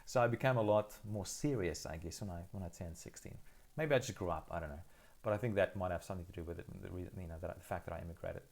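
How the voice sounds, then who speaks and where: Low-pitched, creaky, and darkish in tone, this man talks fast. He's a middle-aged South African, Afrikaans by first language, hosting a casual live Q&A from his phone and thoughtfully answering viewer questions with many fillers and restarts.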